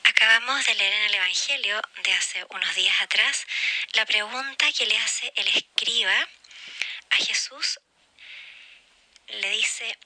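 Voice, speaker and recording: A woman giving an earnest spiritual reflection, often dropping into gentle whispered phrases. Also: mid-range voice, no echo, low-quality recording.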